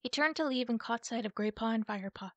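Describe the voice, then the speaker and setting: A woman reading a children's animal novel aloud in a calm, measured soft ASMR style, close to the mic. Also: a little high, no room sound, highs cut off. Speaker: audiobook reader.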